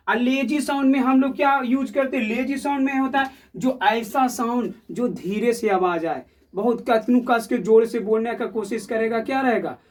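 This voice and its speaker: A man teaching English sounds to a class, repeating words and asking the pupils questions again and again. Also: extremely high pitch. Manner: repetitive, quizzing the class with questions. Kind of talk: classroom lesson. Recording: voice heard from a distance.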